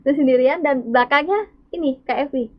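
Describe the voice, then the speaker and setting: A woman's voice: sits high, brisk. A woman guest tells a personal faith testimony with feeling, acting out what people said. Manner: emotional storytelling, acts out dialogue. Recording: tinny, phone-like sound.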